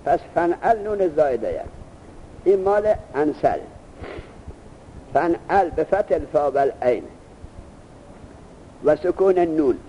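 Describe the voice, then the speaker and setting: A male teacher giving a classroom lesson, asking students quick questions and then reciting the answers himself. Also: a little high, dark tone, slight background noise, low-quality recording.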